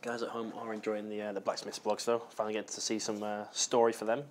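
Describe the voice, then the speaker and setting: A man's voice: on the low side, completely flat delivery, quick pace, slight background noise. A man giving casual commentary on a tabletop game from an indoor studio.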